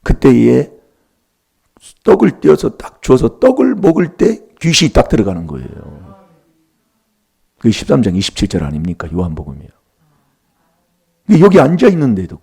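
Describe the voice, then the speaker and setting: A man's voice: a little high, big pitch swings, moderate pace, gravelly, pauses often, warm tone, breathy edge. A middle-aged man preaching a sermon in a church, emphatic and prompting the congregation for replies.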